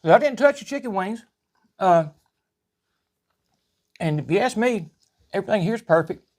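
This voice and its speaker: A man's voice: sits high, lively intonation, normal speed, darkish tone. A man with a Southern US accent casually demonstrating home cooking in a folksy, rambling, chatty way. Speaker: home cooking vlog host.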